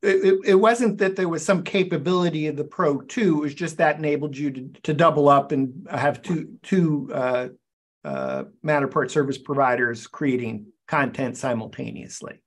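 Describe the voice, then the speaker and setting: A man's voice: fairly high pitch, expressive. Older man hosting a video call interview. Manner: halting, repeats words while forming questions. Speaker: interview host.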